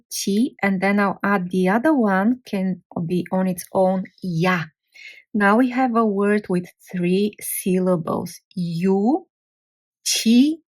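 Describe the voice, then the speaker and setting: A woman's voice: medium pitch, a little mellow. A woman teaching a language lesson, sounding out letters and syllables one at a time. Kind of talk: slow, careful language lesson.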